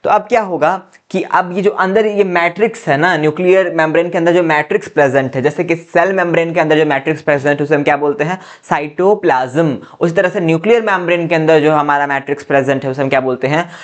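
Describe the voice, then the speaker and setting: This biology lecture comes from a higher-voiced male teacher speaking at a quick pace with few pauses. He keeps repeating questions and answering them himself, frequently saying "ठीक है" and calling the students "बच्चा".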